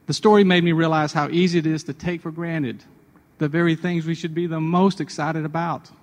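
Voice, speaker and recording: A man's voice: fairly high pitch, little pitch movement, brisk. Chatty man in a reverberant hall. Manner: chatty, self-deprecating, with restarts. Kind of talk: conversational devotional storytelling.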